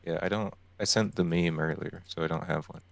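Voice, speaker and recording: A man's voice: deep voice, fairly even intonation, a little fast, creaky, a little hiss or hum. A man in casual gaming chat, bantering with dry jokes.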